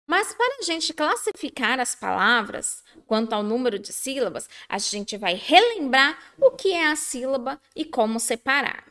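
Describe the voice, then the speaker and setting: A woman teacher gently addressing children in a recorded class. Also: a little high.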